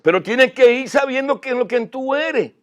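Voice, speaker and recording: High-voiced man preaching a sermon. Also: normal speed. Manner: swings from low and quiet to loud and high.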